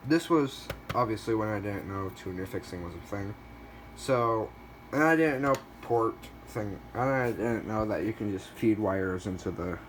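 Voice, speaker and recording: A man with a voice on the low side narrates a casual show-and-tell of his weather radio collection for a video. He's hesitant and rambling, often correcting himself, and there's slight background noise.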